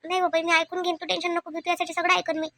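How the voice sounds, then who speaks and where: A woman's voice: extremely high pitch, level tone, rapid-fire, sharp tone, heavily acted. Woman voicing a meek, wronged village aunt. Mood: hurt. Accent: Vidarbha Marathi. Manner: pleading, self-defending. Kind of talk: cartoon family comedy.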